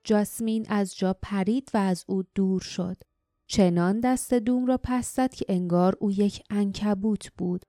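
A woman reads an audiobook in a steady, measured way. Her voice is dark and mellow, and the recording is dry and close with no room sound. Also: mid-range voice, no echo, faint music behind. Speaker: audiobook narrator. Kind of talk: scripted audiobook narration.

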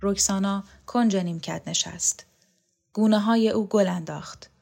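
A woman narrating a literary novel aloud in a calm, measured storytelling manner. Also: medium pitch, vocal fry. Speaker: audiobook narrator.

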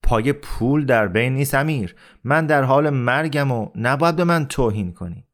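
A man reading the part of a dying older family friend, speaking in a calm, earnest, pleading way in an audiobook. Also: fairly low pitch, natural voice. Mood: stern.

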